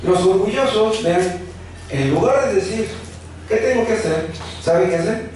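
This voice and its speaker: Animated preaching man in an echoey church. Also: high voice, moderate pace, a little hiss or hum. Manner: preaching with rhetorical questions and acted quotes. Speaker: pastor. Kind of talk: sermon. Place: church hall. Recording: roomy church sound from a distant mic.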